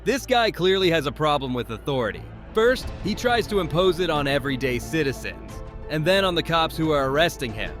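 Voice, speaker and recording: A man's voice: a little high, big pitch swings, fairly quick, hardly any pauses, music in the background. A man narrating a commentary voice-over in a scornful, mocking manner.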